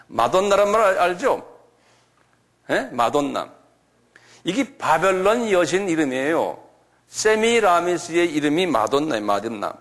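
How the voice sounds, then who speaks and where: A man giving a church lecture, slowly spelling out and repeating foreign names and often asking his listeners questions. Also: on the high side, very animated, fairly bright tone. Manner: slow, repetitive, asks the audience questions. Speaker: lecturer on creationism.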